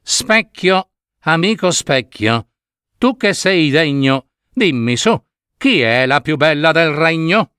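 A man's voice: on the high side, very animated, takes it slowly, sharp tone, smooth, dry recording, studio quality, full character voice. A man voicing a vain, envious wicked queen in a storybook reading, with seething exclamations.

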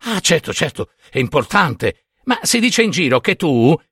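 Brief: taunting, sly young male sun god, lively swooping delivery, put on by a male storyteller, dry close sound. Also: fairly high pitch, normal speed, slightly rough, no room sound, full character voice. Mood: sly teasing. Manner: teasing, gloating.

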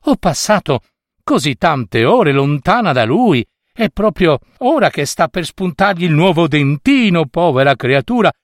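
A man's voice: on the high side, big pitch swings, a little slow, no room sound, clean studio sound. A man voicing a fussy, anxious baker woman who sighs and frets as she kneads, in a read-aloud storybook. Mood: fretting. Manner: sighing, fretful, pleading.

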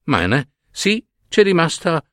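A man's voice: on the high side, very animated, slow pace, dry recording, clean studio sound, voice pushed up, heavily acted. A man voicing a kindly, homely shoemaker's wife in a storybook tale, raising his voice to sound like her. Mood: gentle. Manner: gentle, homely, questioning. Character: kindly poor shoemaker's wife, middle-aged woman.

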